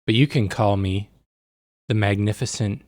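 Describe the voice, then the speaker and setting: A man's voice: fairly low pitch, steady tone, moderate pace, darkish tone, no room sound. A man co-hosting a podcast, chatting casually in a playful, teasing way. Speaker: podcast co-host.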